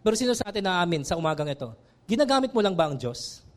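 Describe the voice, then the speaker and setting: A middle-aged man preaches a sermon, animated and switching into English. His voice sits very high for a man and swings widely in pitch. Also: quick pace. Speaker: pastor.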